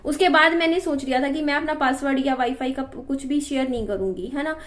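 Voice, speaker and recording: High-voiced young woman, chatty vlogger. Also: a little fast. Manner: chatty, keeps asking listeners to agree. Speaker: family vlogger. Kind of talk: casual vlog chat.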